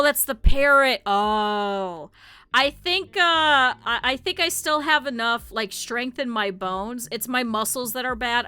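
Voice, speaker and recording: A woman's voice: high voice, pushed and bright, smooth. An American woman streaming in casual chat, swearing freely and laughing often. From United States.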